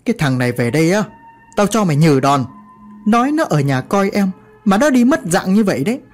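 A narrator voicing a worried village father who scolds and shouts in alarm. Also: high voice, very animated, fairly quick, faint music behind. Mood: grumbling.

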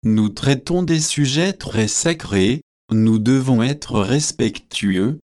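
Preachy young student lecturing his friends, read by a man, slow and self-important, storybook reading. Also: mid-range voice, animated, darkish tone. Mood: solemn. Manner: magisterial, preachy. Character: pompous young male Oxford student, lecturing. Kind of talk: audiobook reading.

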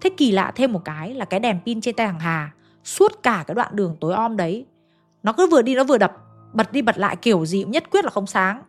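A woman's voice: mid-range voice, animated, fairly quick, faint music behind. A woman, casually narrating a ghost story she retells from a listener. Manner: chatty, retells a listener's story in colloquial northern speech.

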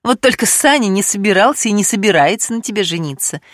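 A woman's voice: medium pitch, animated, quick pace, dry recording, studio quality, lightly acted. A woman voicing a scornful, mocking middle-aged woman in an audiobook.

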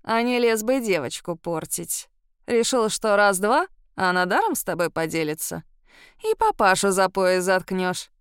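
A creaky old woman, put on by a female reader, grumbles and scolds in slow, blunt words. She sounds stubborn and sharp-tongued, an elderly storybook healer. The reading is dry and close, with no room sound. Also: medium pitch, very animated, dry recording. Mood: scolding.

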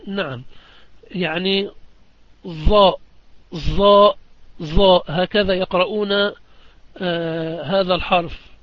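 Man teaching tajweed, high-pitched, explanatory and patient; dry, dull lo-fi sound. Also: steady tone, dry recording. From Palestine. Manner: demonstrates recitations slowly and with emphasis, repeats phrases; explanatory, asks students whether it is clear. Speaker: sheikh teaching Quran recitation. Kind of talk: religious lesson on Quranic readings.

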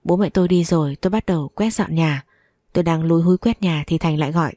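A woman's voice: low voice, fast, dark tone, no echo, clean studio sound. A woman narrating a dramatic first-person story. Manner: dramatic, reads dialogue aloud.

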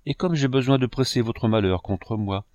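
A man's voice: medium pitch, normal speed, darkish tone, dry recording, close to an everyday voice. A man reading an audiobook, voicing a grieving young man who is tender and resolute and speaks earnestly.

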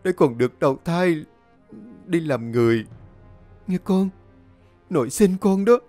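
A man's voice: a little high, animated, measured pace, soft background music, voice pushed up. A man doing a tearful old grandmother. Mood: pleading. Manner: tearful, gentle pleading. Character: grieving old grandmother pleading with a ghost.

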